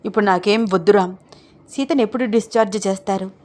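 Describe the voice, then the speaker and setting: A woman's voice: medium pitch, quick pace, a little mellow, lightly acted. A woman voicing an angry older woman who scolds and interrogates in a read-aloud audio story. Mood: stern.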